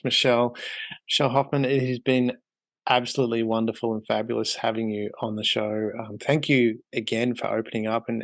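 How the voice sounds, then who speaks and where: Australian male podcast host, gravelly, dry close sound. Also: lowish voice, a bit bright, no echo. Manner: rambling, restarts questions. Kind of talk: interview hosting.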